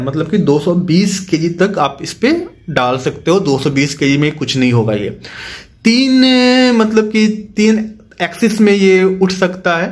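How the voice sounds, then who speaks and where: A man in his thirties from Jharkhand, chatting casually to a phone camera at home while reviewing a gym bench, often repeating and correcting himself. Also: fairly high pitch. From Jharkhand, India. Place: small room at home, indoors. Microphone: phone camera, handheld close.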